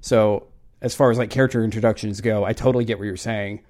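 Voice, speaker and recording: A man with a fairly low voice chats about a film in a casual podcast. He speaks in a measured way, hedging and filling pauses as he builds his point. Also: fairly even intonation, darkish tone. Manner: measured, hedging, many fillers.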